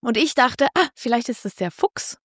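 Woman, casual chat, animated storytelling, slightly high voice, dry sound. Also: normal speed, slightly rough, dry recording. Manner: lively, casual, swears, quotes herself with raised voice. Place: Switzerland.

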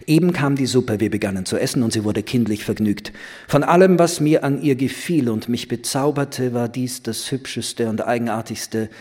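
A man reading a novel aloud in a calm, measured, literary manner. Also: medium pitch, slightly rough. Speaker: audiobook reader.

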